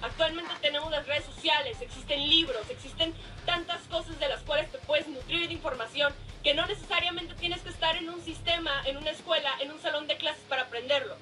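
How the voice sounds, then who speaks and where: A woman's voice: high voice, brisk, pushed and bright. A woman talking earnestly to camera in a vlog clip that is played back. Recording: distant clip audio with music.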